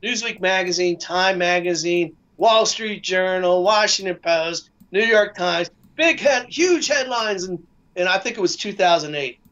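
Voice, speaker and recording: Man, high voice, halting speech with fillers, dull lo-fi sound. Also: fairly bright tone. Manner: halting, many restarts and fillers. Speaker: guest. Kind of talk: casual discussion.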